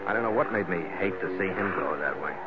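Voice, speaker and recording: An actor playing a tough, terse ship's skipper in a hard-boiled 1940s radio style. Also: male voice, low voice, quick pace, over loud music, close to an everyday voice. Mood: grim, measured. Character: tough, weary, decisive male ship's skipper. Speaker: lead actor and narrator. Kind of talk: 1940s radio acting with first-person narration. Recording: muffled, very noisy old radio recording.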